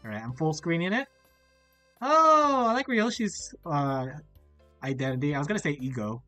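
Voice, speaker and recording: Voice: mid-range voice, big pitch swings, moderate pace, pushed and bright, no room sound. Streamer, crunchy bitcrushed portable mic, rambling curious chat, dry close sound, faint music behind. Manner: rambling, curious, asks many questions. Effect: crunchy, bitcrushed-sounding mic audio. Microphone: laptop portable streaming setup.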